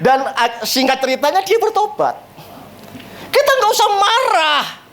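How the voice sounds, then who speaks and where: Male pastor, animated and funny storyteller, swooping lively delivery, higher voice, church sermon. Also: unhurried, slight background noise. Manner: animated, joking, laughs often at his own stories.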